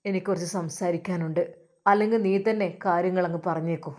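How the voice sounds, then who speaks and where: Woman doing a pushy boss guy, low and coaxing, insists on getting his way. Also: steady tone, brisk, natural voice. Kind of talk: storytelling voice acting.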